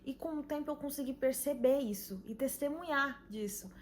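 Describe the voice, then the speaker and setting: A young Brazilian woman sharing an earnest, emotional faith testimony, full of pauses and "you know?" tags. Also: high-pitched, slight background noise. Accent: Brazilian Portuguese. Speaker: channel host giving a faith testimony. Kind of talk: personal testimony vlog.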